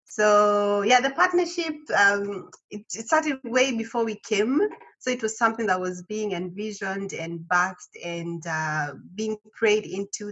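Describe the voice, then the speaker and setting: Husky-voiced woman. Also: mid-range voice, fairly bright tone. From Kenya. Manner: chatty, hesitant with many ums. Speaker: missionary guest. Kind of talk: casual interview chat.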